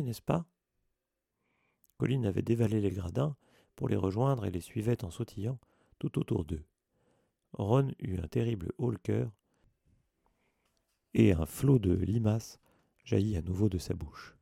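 A man narrating an audiobook with a steady storytelling read. His voice is low and heavily gravelly. The sound is dry and close. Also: no room sound.

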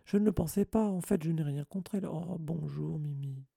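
A man's voice: mid-range voice, moderate pace, creaky, mellow, dry recording, studio quality. A man voicing a studious, clever schoolgirl with a know-it-all, easily flustered manner.

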